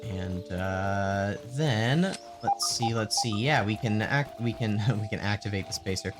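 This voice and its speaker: A man hosting a video game let's play, thinking aloud in casual gameplay commentary with lots of pauses. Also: fairly low pitch. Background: game music.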